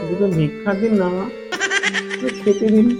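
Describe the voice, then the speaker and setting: A man playing a humble beggar who pleads for alms and gushes with gratitude in a comedy sketch. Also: high voice. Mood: pleading. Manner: slow pleading, sentimental. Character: humble male beggar, pleading and overly grateful. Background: loud background music.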